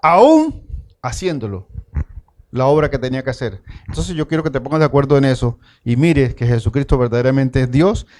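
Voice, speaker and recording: A man's voice: on the high side, darkish tone. A Colombian man preaching a sermon as pastor, with a Colombian Spanish accent, building emphatic repeated lists and calling the congregation to repeat declarations after him.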